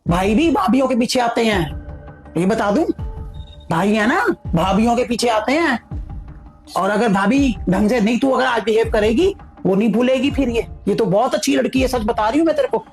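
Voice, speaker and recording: Woman acting as a stern middle-aged mother, high voice, lecturing, faint music behind. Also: animated, moderate pace, a little mellow. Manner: scolding, lecturing, emphatic repetition. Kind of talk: family drama acting.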